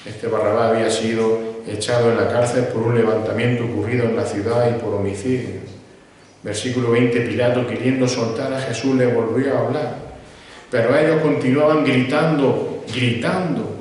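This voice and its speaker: A man's voice: mid-range voice, steady tone, moderate pace, darkish tone, slight background noise. A man with a Spain Spanish accent preaching a sermon in a church, posing rhetorical questions and answering them himself. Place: church sanctuary. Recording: echoey hall, mic far off.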